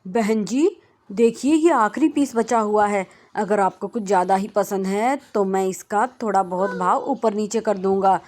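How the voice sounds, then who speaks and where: A woman's voice: medium pitch, steady tone, normal speed, natural voice. A woman doing a polite salesy shopkeeper man. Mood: persuasive. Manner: polite, persuasive, loud.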